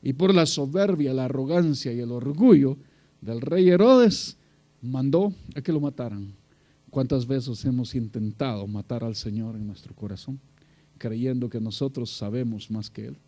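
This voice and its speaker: Emphatic male preacher with a mellow voice. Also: moderate pace. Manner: emphatic, swings between loud exclamations and low asides; addresses listeners as brother. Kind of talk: sermon.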